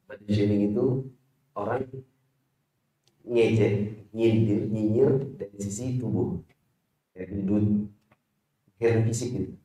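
A man reading out a question to a preacher at a religious talk, in a measured way. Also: fairly low pitch, steady tone, mellow. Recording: very echoey hall.

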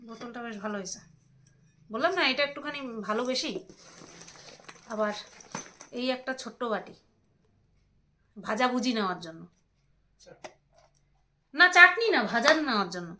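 High, bright-voiced woman vlogging. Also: brisk, long pauses, slight background noise. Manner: teasing, bickering with her husband. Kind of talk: casual home vlog, unboxing.

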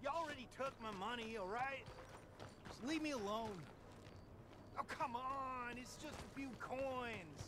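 A man's voice: very high voice, slow pace, noisy background. An actor playing a fake blind male beggar, a con man who pleads for coins and then turns sullen and defensive, in video game dialogue. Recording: game audio with outdoor ambience.

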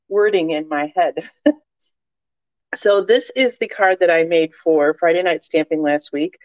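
A woman with a slight cold and a cough drop in her mouth chats her way through a live-stream crafting demonstration, full of fillers and asides. Her voice is fairly low, and the dry recording has its highs cut off.

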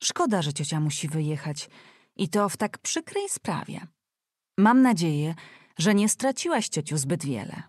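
Audiobook: woman reader doing a young man, dry and ironic, lowish voice. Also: big pitch swings, measured pace, a little mellow, husky, dry recording, full character voice. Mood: wry. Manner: dry, ironic, politely joking. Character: young nobleman, wry and easygoing. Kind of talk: audiobook character reading.

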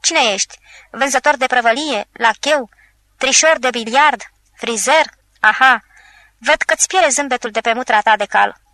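A woman's voice: on the high side, sharp tone, dry recording. A woman voicing a drunken, bombastic old male tragic actor who rants and hurls theatrical insults. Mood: raging.

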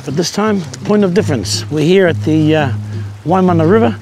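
A middle-aged man with a Kiwi accent and a slightly high voice. He chats casually outdoors as a show host, with music clearly audible behind. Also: brisk. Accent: New Zealand. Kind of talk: casual chat. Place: outdoors in open country and by a river.

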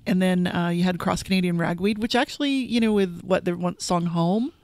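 A chatty woman co-hosting a newsroom podcast, her voice carrying a gravelly, fry-tinged edge. She talks with easy enthusiasm. The studio sound is close and dry. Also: fairly low pitch, brisk, a little mellow, no echo. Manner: chatty, enthusiastic, laughs easily. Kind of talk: casual newsroom chat.

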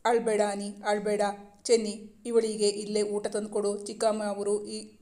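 Fearful, gentle middle-aged mother in an audio story, read by a woman in a monotone. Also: mid-range voice, moderate pace, natural voice. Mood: pleading. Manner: flat, even reading.

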